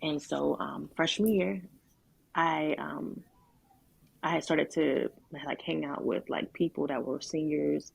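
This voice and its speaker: Speaking as a guest in a candid, conversational testimony, a gravelly, deep-voiced woman reflects openly on her story, with halting restarts and plenty of "um" and "like." She keeps a steady tone, though the audio is poor.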